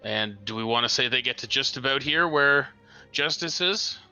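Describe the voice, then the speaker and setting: A man running a tabletop game as game master, easygoing and quick to acknowledge players. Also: mid-range voice, sharp tone, clear, resonant tone, dull audio, soft background music. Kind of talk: casual tabletop game chat.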